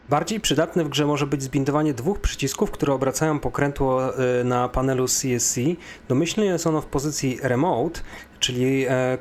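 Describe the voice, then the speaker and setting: Male Polish tutorial instructor, methodical step-by-step explainer, off-the-cuff delivery, faintly noisy recording. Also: mid-range voice. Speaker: flight simulator tutorial instructor.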